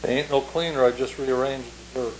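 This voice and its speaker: A man's voice: mid-range voice, steady tone, a little fast, a little hiss or hum. A man leading a church Bible study in a folksy, easygoing way, with frequent amens and asides. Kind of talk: casual church teaching.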